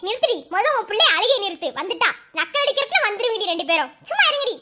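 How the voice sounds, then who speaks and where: A woman performs a whole household of cartoon women in a very high, piping voice. The talk is speech, full of teasing and scolding banter. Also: expressive, rapid-fire, noisy background. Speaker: cartoon channel creator voicing all characters. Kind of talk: acted cartoon dialogue.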